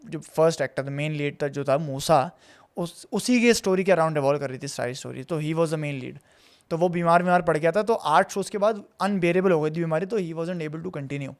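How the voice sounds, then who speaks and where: Male host, lively casual storyteller, voice a little high. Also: moderate pace. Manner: animated, mixes Urdu with English phrases. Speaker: host and theatre actor.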